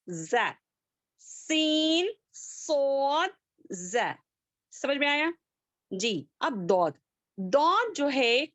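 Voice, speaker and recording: A woman's voice: fairly high pitch, a bit bright, no room sound. A woman teaching a Quran recitation class online, patiently drilling letter sounds and asking the students if they follow.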